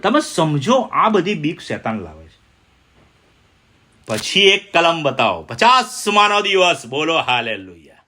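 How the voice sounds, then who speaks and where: A middle-aged male preacher from India, leading a sermon with call-and-response. His voice is high and bright, with a forceful edge. He presses his points hard and keeps firing questions at his listeners. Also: very animated, unhurried. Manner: emphatic, asks the listeners many questions.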